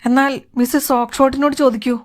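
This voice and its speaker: A woman's voice: high-pitched, little pitch movement, fast, voice pushed up, lightly acted. A woman voicing an irritable male dealer in an audiobook, with a brusque, scolding manner. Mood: annoyed.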